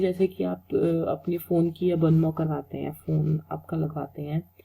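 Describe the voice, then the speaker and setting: A woman teaching French in a casual spoken lesson, explaining slowly and repeating each word for pronunciation. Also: sits low, creaky, mellow, slightly rough.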